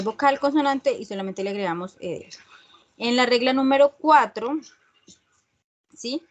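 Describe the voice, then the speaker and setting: Woman teacher, explains step by step. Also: fairly high pitch. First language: Spanish. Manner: explains step by step, often checks with "¿sí?". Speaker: English teacher. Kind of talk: recorded grammar lesson.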